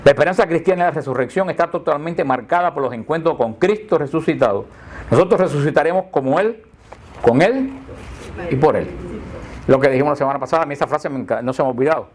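A man's voice: a little high, fast talker. Chatty older man teaching catechism. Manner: chatty, jokey storyteller who laughs at his own slips. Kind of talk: informal teaching to a group.

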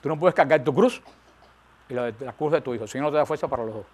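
A man's voice: medium pitch, quick pace. A man preaching a sermon, emphatic, rising and falling, repeating phrases for stress.

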